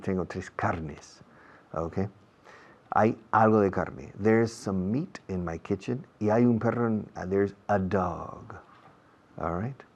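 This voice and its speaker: A man's voice: deep voice, creaky, a little mellow, lo-fi sound. A man teaching a language lesson, drilling simple questions and answering them himself. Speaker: English teacher.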